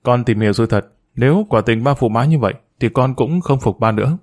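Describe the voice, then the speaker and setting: A man's voice: mid-range voice, brisk, darkish tone, close to an everyday voice. A man voicing a worried grown-up daughter who earnestly coaxes her mother in a storybook reading.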